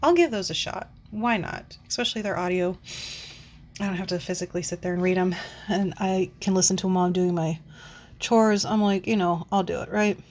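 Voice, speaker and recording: Talking to the camera, a woman in her forties who runs a book vlog goes on a casual, rambling rant full of swearing, sighs and filler words. She has a fairly low, a little mellow voice with a steady tone and a fairly quick pace, and there is slight background noise.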